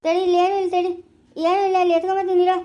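A woman with a rural Karnataka Kannada accent playing a meddlesome village woman who goads and teases with quick jibes in an amateur family skit. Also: very high-pitched, little pitch movement, mellow. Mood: teasing. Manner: teasing, goading, quick jibes.

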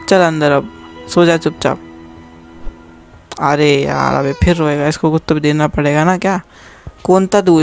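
Joking young man playing a horror game. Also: a little high. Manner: joking, mocking the game, talking to viewers. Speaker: gaming youtuber. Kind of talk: live horror game commentary.

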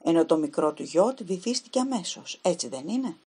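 A woman's voice: lowish voice, expressive, warm tone, slightly rough. A woman voicing a frightened young typist. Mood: anxious pleading. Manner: trembling, pleading.

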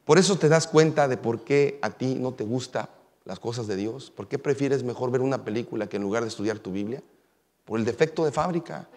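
A man's voice: medium pitch, brisk, darkish tone. A man preaching a sermon, moving from telling a story to emphatic preaching. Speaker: pastor. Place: church sanctuary. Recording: long hall reverb.

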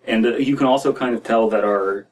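A young American man hosts a podcast from a small room at home, commenting casually on stories. His mid-range voice moves fairly quickly as he rambles, scattering "like" and "you know" throughout. The mic is distant and picks up room noise.

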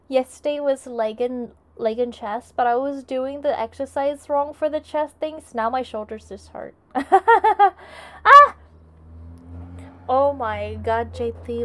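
Slow-talking woman streamer, chatty. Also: on the high side, darkish tone. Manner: chatty, greets and answers chat, frequent restarts. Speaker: arts and crafts streamer. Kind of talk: casual live-stream chat while crafting.

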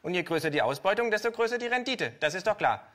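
A brash, cynical kangaroo, put on by a male storyteller, voiced high above his usual range. He sneers and taunts with a bright, lively tone. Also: fast. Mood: scornful. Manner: brash, sneering, shrill outbursts. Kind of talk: comic story reading on stage.

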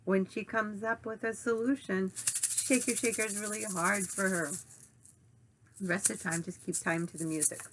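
A woman's voice: medium pitch, fairly even intonation, normal speed, background noise. A woman music teacher giving an online lesson for children, patient and instructive with some "um"s.

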